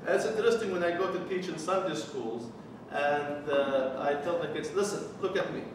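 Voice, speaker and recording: Speaking at a normal speed in a higher-leaning voice, a man in his forties from Palestine addresses a committee. The church mission developer, who has a Palestinian Arabic accent, offers an earnest personal testimony with wry jokes, captured far off in an echoey room with noise.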